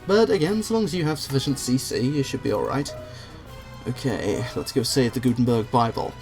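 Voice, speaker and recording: A man commentates casually over a video game, wry and rambling. His mid-pitched voice moves up and down a lot, with game music behind it. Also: animated, a little fast, creaky, a little mellow. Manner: wry, rambling, addresses the viewer. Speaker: gaming video host. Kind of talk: casual let's play commentary.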